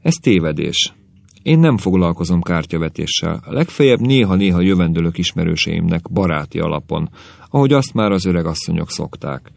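A man's voice: low voice, animated, gravelly, darkish tone, no echo. A man reading aloud, voicing a dignified, sly old woman telling fortunes in a solemn manner.

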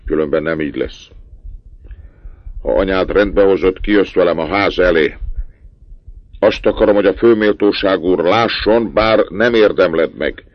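A man's voice: deep voice, long pauses, dry recording, pitched above the performer's own voice. A man voicing a stern, angry father who barks commands at his son. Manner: barking commands. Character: stern angry father, middle-aged man, quick to punish. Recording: dull dry lo-fi recording.

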